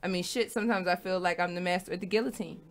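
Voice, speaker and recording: A woman's voice: fairly low pitch, steady tone, racing, a crowd in the background. A woman hosting a radio talk show, chatting frankly and swearing casually.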